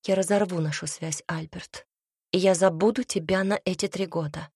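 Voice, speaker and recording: A woman's voice: fairly low pitch, fairly even intonation, normal speed, darkish tone, husky, no room sound, clean studio sound. A woman reading the part of a self-sacrificing young woman in a storybook, speaking in an earnest, pleading way.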